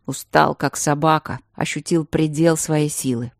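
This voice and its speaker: A woman reading an audiobook, voicing a calm, teasing male mage who lectures patiently. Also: deep voice, a little slow, vocal fry, no echo, clean studio sound. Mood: quiet teasing. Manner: patient, gently mocking, lecturing.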